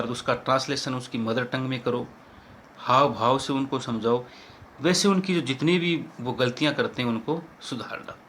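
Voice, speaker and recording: A male teacher giving a lecture on English teaching methods, explaining in Hindi and reading English example sentences slowly. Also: medium pitch, fairly bright tone, slight background noise.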